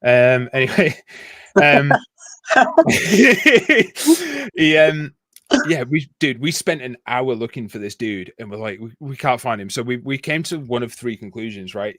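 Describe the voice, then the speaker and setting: A man's voice: medium pitch, fairly bright tone, no room sound. A man with a Yorkshire accent telling a long, rambling anecdote in casual chat, laughing and swearing often. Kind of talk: casual storytelling.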